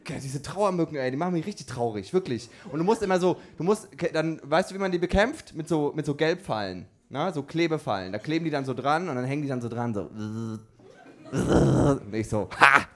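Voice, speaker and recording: A man performing a live stand-up routine with a voice pitched a little high for a man. He rambles through his story with constant fillers and restarts, chats directly with the audience, and breaks into loud shouts when a punchline lands. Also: lively intonation, fast talker, hardly any pauses. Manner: banters with the audience. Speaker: stand-up comedian.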